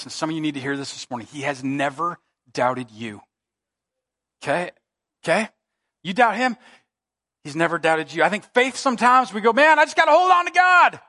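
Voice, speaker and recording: A man's voice: on the high side, fairly bright tone. A middle-aged man preaching a sermon as pastor, in an emphatic, conversational way, in a church. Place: church sanctuary.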